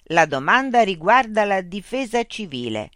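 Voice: mid-range voice, big pitch swings, normal speed, pushed and bright, no room sound, studio quality, pitched above the performer's own voice. A narrator voicing a cold bureaucratic machine information unit that recites rules in a rigid, officious way. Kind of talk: audiobook character voice.

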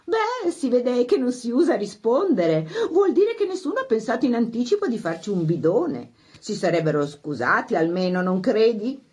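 A woman voicing a snobbish social-climbing mother, bossy and fretful, in a shrill raised voice. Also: a little mellow.

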